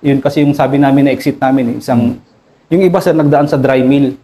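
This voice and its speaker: A Filipino army officer with a Filipino accent, recounting combat in an interview, deferential and halting, adding "sir" to nearly every phrase. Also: male voice, medium pitch, steady tone, dark tone, rough recording. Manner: deferential, says "sir" constantly, halting with many fillers. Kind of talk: interview storytelling.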